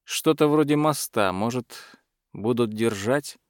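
A man's voice: medium pitch, measured pace, clean tone, dry recording, clean studio sound, lightly acted. A man voicing a sighing, suspicious young blacksmith in a fairy tale. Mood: doubtful. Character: weary doubtful young blacksmith.

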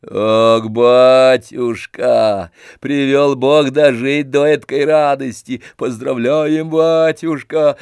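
A man voicing an elderly, devoted male servant with a wheezy, husky voice and drawn-out fawning exclamations. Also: a little high, a little mellow, no room sound, clean studio sound, pitched above the performer's own voice.

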